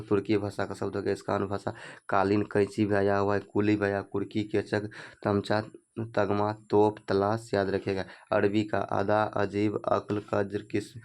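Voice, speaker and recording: A man's voice: lowish voice, a little mellow. A man coaching students for an exam, asking each question and repeating the answer for them to remember. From Bihar, India. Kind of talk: exam prep lesson.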